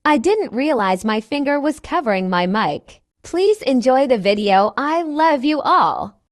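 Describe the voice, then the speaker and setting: Breathless high-voiced woman apologizing. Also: lively intonation, a little slow, no room sound, clean studio sound. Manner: apologetic, sweet. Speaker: nail content creator. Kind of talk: recorded apology intro.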